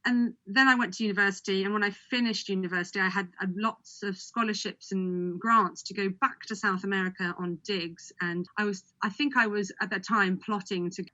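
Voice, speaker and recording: A woman's voice: mid-range voice, steady tone, brisk, few pauses, sharp tone, lo-fi sound. A woman who grew up in Hawaii, chatting casually as a guest, laughing often and restarting her sentences. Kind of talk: casual conversational storytelling.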